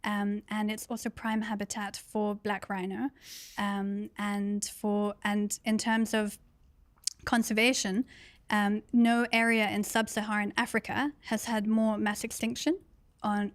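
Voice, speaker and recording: Steady, earnest woman guest. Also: mid-range voice, no echo. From London, England. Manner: earnest, steady, frequent "um" pauses. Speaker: conservation project co-founder, guest. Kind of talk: interview answers.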